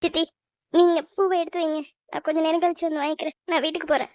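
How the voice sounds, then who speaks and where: A woman's voice: very high voice, flat delivery, rapid-fire, darkish tone, no room sound. A woman voicing a sweet, sulky young woman in a cartoon, speaking in a pouty way. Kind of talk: animated cartoon dub.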